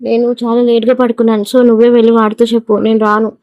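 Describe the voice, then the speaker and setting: A drowsy young husband who sulks and complains about being woken, read aloud by a woman storyteller. The voice is mellow and flat, set somewhat high. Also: racing, no room sound, close to an everyday voice. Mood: sulky. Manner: sulky, complaining. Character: sleepy grumbling young husband.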